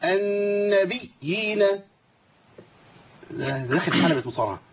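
A man's voice: on the high side, expressive, very fast, a little mellow, lo-fi sound, slight background noise. A man with an Egyptian Arabic accent teaching Quran recitation in a live lesson, quizzing students by name, reciting examples and pointing out common mistakes. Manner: quizzes students by name, demonstrates and corrects errors.

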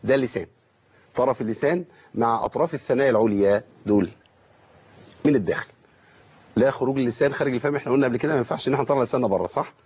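A man with an Egyptian accent teaching Quran recitation, patiently explaining and slowly drawing out sounds to demonstrate them. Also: mid-range voice, darkish tone, breathy edge. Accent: Egyptian Arabic. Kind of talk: correcting a student's recitation. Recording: dull lo-fi recording.

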